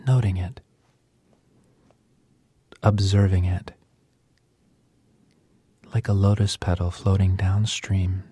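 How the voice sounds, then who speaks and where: Husky, hushed man guiding meditation. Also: low-pitched, no echo. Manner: soft, gentle, half-whispered delivery with pauses. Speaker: meditation guide. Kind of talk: slow guided breathing meditation.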